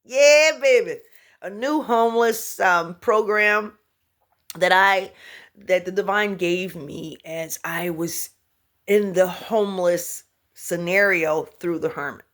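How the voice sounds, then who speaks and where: Her voice is lowish and fairly bright, and she moves slowly through an informal spiritual talk for her viewers. Laughing a lot, she drifts into humming and scatting between thoughts, repeats and restarts words, and addresses listeners with pet names.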